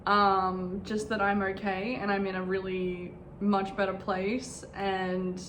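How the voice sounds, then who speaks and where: A woman's voice: mid-range voice, little pitch movement, slow, a bit bright, roomy sound, slight background noise. A woman in her twenties talking candidly and reflectively in a casual personal vlog, filmed in her bedroom at home. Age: 20s. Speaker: vlogger.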